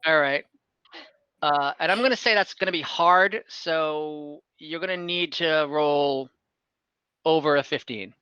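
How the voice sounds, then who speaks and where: Over an online game call, a man serving as game master casually improvises narration and rulings, thinking out loud. His highish voice is unhurried, pushed and bright, clear and resonant, captured on a close, dry mic with no room sound but dull audio.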